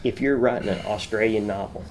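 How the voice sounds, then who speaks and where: A man's voice: on the low side, a little fast, slight background noise. A man co-hosting a casual podcast chat, chiming in with short, dry asides. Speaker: podcast co-host.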